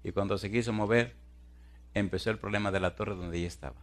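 A man's voice: fairly low pitch, fairly even intonation, fast talker. A man preaching a sermon, telling a story dramatically and pressing his listeners with fervent, emphatic questions.

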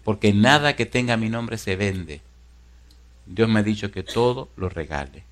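Man, pastor, lively sermon storytelling, hushed then loud, laughing. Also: lowish voice, unhurried, slight background noise.

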